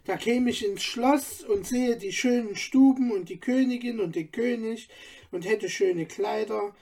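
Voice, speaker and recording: A man voicing a dreamy little girl, high and eager. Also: a little slow, gravelly, a little mellow, heavily acted. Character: young girl, wistful and dreamy. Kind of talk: storybook reading.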